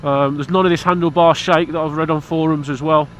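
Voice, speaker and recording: Brisk and fairly even in intonation, this man's voice is on the high side, with a little hiss or hum behind it. He's a British motorcycle vlogger with hay fever congestion, chatting outdoors to camera about his bike in a blunt, cheeky, rambling manner.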